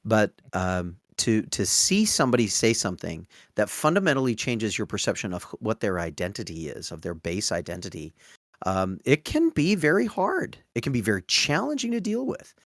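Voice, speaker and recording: A man's voice: on the low side, very animated, moderate pace, no echo, studio quality. A man co-hosting a casual book-discussion podcast who speaks thoughtfully and searches for his words. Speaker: podcast co-host.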